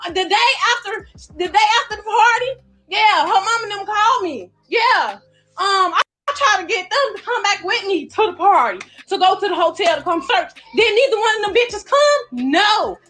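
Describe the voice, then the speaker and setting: A young adult woman speaks in a very high, bright, piercing voice. She delivers a furious, profane rant aimed at former friends and hammers the same phrases over and over. Her voice rises into shouts at times. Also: expressive, moderate pace. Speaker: friend in a viral dispute. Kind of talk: angry social media rant.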